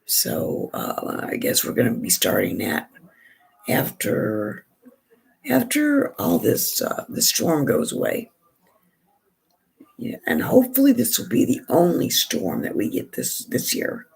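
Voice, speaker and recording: A hoarse woman with a gravelly, raspy voice, chatting in a rambling way and restarting often while she does her makeup for a vlog. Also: a bass voice, huge pitch swings, unhurried, a little mellow. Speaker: beauty vlogger. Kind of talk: casual chat while doing makeup.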